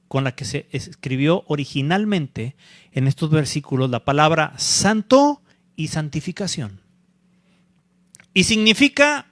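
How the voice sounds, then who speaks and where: Pastor preaching slow and steady, high voice, dry close sound, keeps asking the church "¿sí?". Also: male voice, no echo. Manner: deliberate, checks in with the congregation by asking "¿sí?"; repeats key phrases for emphasis. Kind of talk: sermon.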